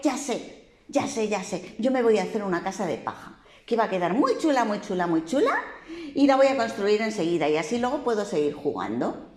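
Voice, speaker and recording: A woman's voice: medium pitch, animated, brisk, darkish tone, lightly acted. Woman doing an eager littlest piglet. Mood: cheerful. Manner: eager, repeating herself. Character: smallest male piglet, carefree and playful. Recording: echoey room.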